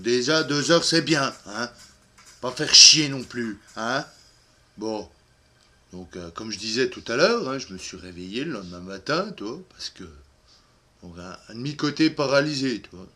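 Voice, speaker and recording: A man's voice: mid-range voice, lively intonation, normal speed, bright, forceful tone. A man playing a lonely, boastful, boozy man in a comic monologue, rambling with constant fillers and trailing off into mumbles.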